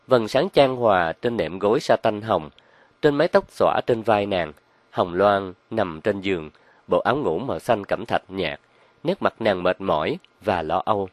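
A man reading a crime novel aloud as narrator, in a measured storytelling manner. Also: on the low side, dry recording.

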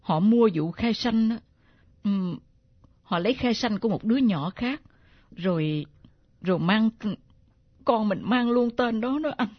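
A woman's voice: a little high, animated, a little slow, long pauses, no room sound, highs cut off. A woman voicing a middle-aged mother who pleads earnestly, in a radio drama. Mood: sorrowful.

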